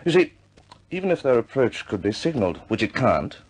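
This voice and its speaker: Taking on the role of a serious, businesslike senior British air force officer, a man briefs in a slow, measured, deliberate way true to 1950s war films. His mid-range voice is husky, with big swings in pitch.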